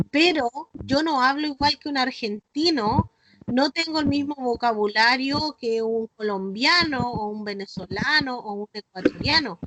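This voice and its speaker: High-voiced Chilean teacher on a noisy call. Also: female voice. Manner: explaining patiently, checking in with "¿ya?". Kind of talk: online class. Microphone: video call.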